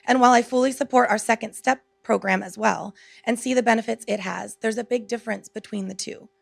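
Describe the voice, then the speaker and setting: Woman, very creaky voice, medium pitch, dry sound, earnest teacher reading a prepared speech. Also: steady tone, no echo. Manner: earnest, measured, articulate. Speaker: teacher speaking at a school board meeting. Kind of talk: prepared speech read aloud.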